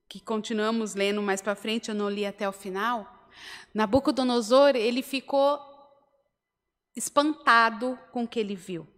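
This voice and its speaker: Brazilian woman preaching in a reverberant hall. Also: fairly high pitch. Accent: Brazilian Portuguese. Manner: storytelling, swells to emphatic exhortation. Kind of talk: sermon. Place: church hall, indoors. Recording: long church reverb.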